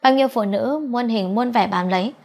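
Woman, audiobook narrator, scripted narration, steady, even delivery. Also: on the high side, moderate pace, gravelly. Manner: steady, even storytelling read.

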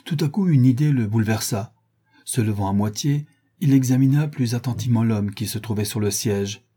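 Mellow, husky male audiobook narrator. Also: mid-range voice, brisk. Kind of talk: scripted narration.

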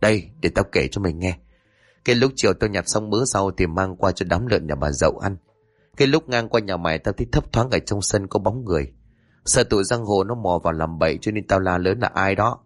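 A man voicing a blunt, nosy older village woman who talks in rapid, coarse, familiar chatter. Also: low voice. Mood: gossiping.

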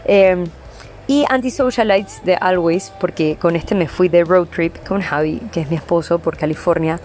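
A woman's voice: on the low side, normal speed, darkish tone, faint music behind. A young Panamanian woman with a Panamanian Spanish accent, a band singer answering interview questions in a chatty way, with many "eh" fillers. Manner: chatty, lists things with frequent "eh" fillers.

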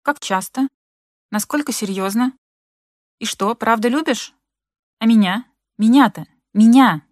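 A woman's voice: unhurried, no room sound, clean studio sound, close to an everyday voice. A woman voicing a hurt, furious wife who shrieks accusations, in an audiobook. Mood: bitter. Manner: shrill, accusing.

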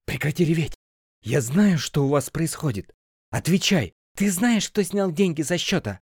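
A brusque middle-aged boss barking orders and questions, loud and pitched up with urgency, as a male narrator puts him on. His lines are sharp and commanding, dry and close in an audiobook reading. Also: big pitch swings, moderate pace, slightly rough, no echo, exaggerated voice. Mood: demanding, shouting.

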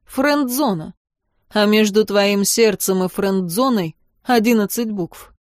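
A woman's voice: medium pitch, slow, a little mellow, no room sound, studio quality, natural voice. A woman reading an insistent, wounded young man. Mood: quietly explaining.

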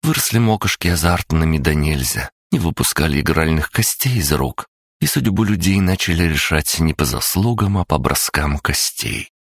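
A man's voice: very deep voice, expressive, normal speed, no echo, studio quality, full character voice. A man voicing a proud, knowing ancient goddess who explains things in a storytelling tone.

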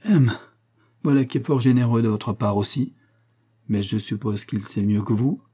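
A man reading an audiobook voices a kindly old spinster aunt in a low, soft, gentle tone. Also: normal speed, slightly rough, natural voice.

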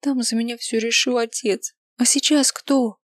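A woman's voice: on the high side, steady tone, normal speed, no echo, studio quality, voice pushed up, lightly acted. A woman voicing a distraught young woman who speaks in a strained, tearful, raised voice. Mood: distraught, angry.

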